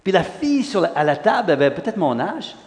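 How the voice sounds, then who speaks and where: Animated older man preaching in a hall. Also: sits high, brisk. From Western Canada. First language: English. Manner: animated, rising in emphasis, frequent "là" fillers. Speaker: pastor. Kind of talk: testimony sermon. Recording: long hall reverb.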